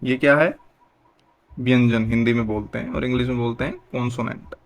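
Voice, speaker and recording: A man's voice: medium pitch, fairly even intonation, a little fast. A young adult man teaching a grammar lesson, patient, asking questions and answering them himself.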